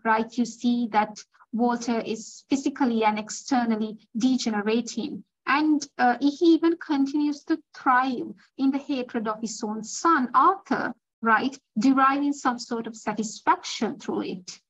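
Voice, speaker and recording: A woman giving a literature lecture, reading passages aloud and checking in with her listeners in a measured way. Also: on the high side, fairly bright tone, low-quality recording.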